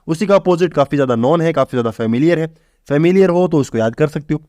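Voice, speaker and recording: Man, vocabulary teacher, informal, asks and answers himself, slightly high voice. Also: expressive, fast talker, darkish tone, dry recording, clean studio sound. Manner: explains step by step, asks and answers own questions; informal, addresses students as bhai. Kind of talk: exam-prep vocabulary lesson.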